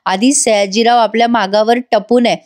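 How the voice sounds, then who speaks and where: A woman's voice: on the high side, steady tone, moderate pace, a little mellow, close to an everyday voice. Brief: earnest, worried young husband, read by a woman, cautious.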